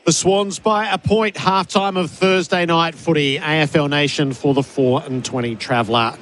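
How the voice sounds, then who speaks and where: Higher-voiced man hosting sports radio. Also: steady tone, normal speed. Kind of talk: half-time sports broadcast commentary. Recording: faint background noise.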